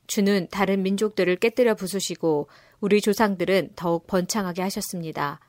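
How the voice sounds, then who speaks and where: A woman giving a measured, solemn scripture reading. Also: medium pitch, no echo, studio quality. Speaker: scripture reader.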